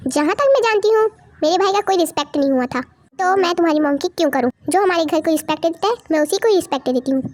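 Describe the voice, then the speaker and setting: A high young voice playing a sassy, defiant young wife in an amateur fan audio drama, full of bold quick retorts. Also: animated, dry recording.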